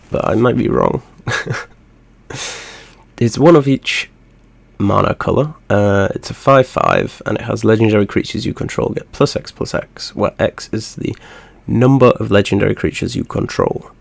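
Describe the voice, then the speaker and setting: A man with a nasal, stuffed-up voice from a cold, hosting a relaxed gaming video with easygoing, rambling chatter. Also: on the low side, normal speed, vocal fry, no room sound. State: congested, stuffy nose from a cold. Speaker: host. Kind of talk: casual gaming commentary.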